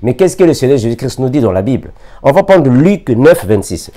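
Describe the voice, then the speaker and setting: A man's voice: mid-range voice, sing-song, a little fast, mellow. A man from Africa preaching a sermon, repeating scripture references and reading verses with emphasis.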